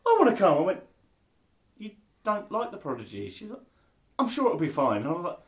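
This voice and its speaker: A man, co-hosting a podcast and telling sweary, animated anecdotes. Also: a little high, brisk. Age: 40s. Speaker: podcast co-host. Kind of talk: casual storytelling.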